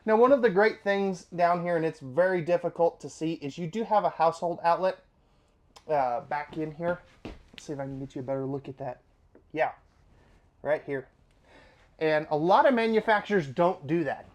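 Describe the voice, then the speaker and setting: Speaking at a normal speed with a fairly high pitch, a man leads an RV dealership walkthrough from inside a travel trailer. He's upbeat, makes casual side comments, and his allergies leave him a little nasal.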